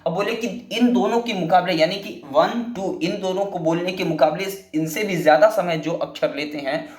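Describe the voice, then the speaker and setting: Man, patient classroom explainer, fairly high voice, roomy echo. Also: moderate pace, a little mellow. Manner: repetitive, patient explaining with many restatements. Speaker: Sanskrit teacher.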